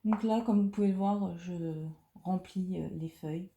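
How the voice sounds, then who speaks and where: A thirty-year-old woman chatting casually while she colors, speaking softly and hesitantly with lots of fillers, into a phone beside her head. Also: on the low side, a little slow, highs cut off. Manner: soft-spoken, hesitant, many fillers. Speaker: coloring vlogger. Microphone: phone camera right beside her head. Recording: roomy echo.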